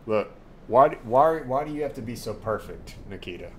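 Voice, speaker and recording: A man's voice: medium pitch, animated, normal speed, slight background noise. A man streaming a game live from his desk at home. He talks straight to his chat, gets worked up easily and swears. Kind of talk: live gameplay commentary chatting with viewers.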